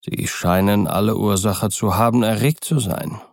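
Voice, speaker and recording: A man's voice: on the low side, normal speed, gravelly, dry recording, clean studio sound. A man doing an earnest, worried lawyer. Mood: concerned. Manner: earnest, insistent. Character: middle-aged male lawyer, concerned and earnest.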